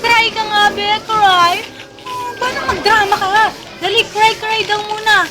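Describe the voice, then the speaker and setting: A woman's voice: extremely high pitch, level tone, normal speed, over loud music. A woman filming her toddler at home-video style, coaxing and playfully prompting the child over and over. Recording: loud street noise and crowd chatter.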